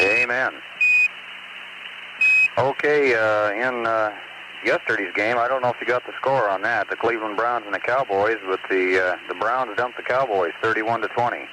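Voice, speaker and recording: A man's voice: fairly low pitch, moderate pace. A man working as capsule communicator, talking casually to astronauts over a space mission radio link. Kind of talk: casual astronaut radio exchange with news and scores. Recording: noisy mission radio loop with hiss.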